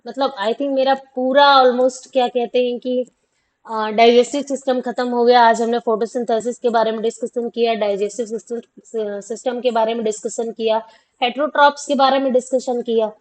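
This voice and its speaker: A woman with a fairly high, steady voice speaks at a normal speed on a rough recording. She is teaching a class 10 science lesson, posing questions, repeating them and answering them herself. She checks in with her students often, saying "theek hai" again and again.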